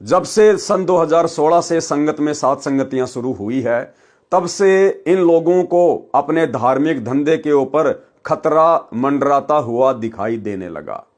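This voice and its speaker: A male preacher reads a scripture story aloud and breaks off to give sermon commentary. He keeps addressing his listeners as brothers and sisters. His voice sits a little high for a man. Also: lively intonation, a little slow, darkish tone.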